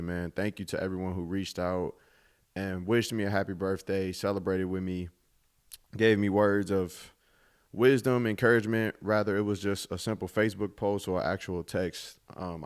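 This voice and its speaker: Young man, podcast host, low-pitched, smooth resonant voice, relaxed reflective chat. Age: 20s. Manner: laid-back, reflective, drops casual swearing. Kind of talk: casual solo podcast monologue.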